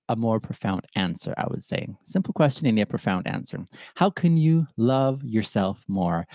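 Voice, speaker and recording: Gravelly, mellow-voiced man hosting reflectively. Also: lowish voice, no echo. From Ethiopia. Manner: thoughtful and halting, with pauses and fillers. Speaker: podcast host answering viewer questions. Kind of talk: reflective solo livestream talk.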